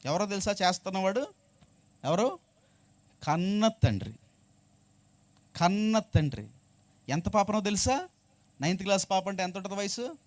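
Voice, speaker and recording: A man preaching a sermon, questioning his congregation and asking them to answer back, moving between hushed and loud emphatic passages. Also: sits high, lively intonation, moderate pace, long pauses, dry recording. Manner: call-and-response preaching, asks the congregation to repeat. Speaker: pastor.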